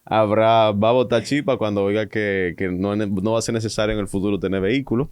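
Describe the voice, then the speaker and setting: A man's voice: fairly low pitch, fairly even intonation, a little fast, a little mellow, clear, resonant tone, no room sound, clean studio sound. A Dominican man hosting a podcast in a casual, colloquial, joking way. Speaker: podcast host.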